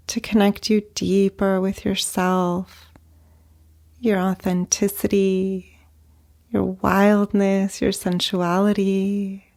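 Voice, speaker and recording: A woman guides a meditation slowly and gently, her mid-range voice creaky, leaving long pauses between short phrases. She is a meditation guide and therapist, and the narration is slow and soothing.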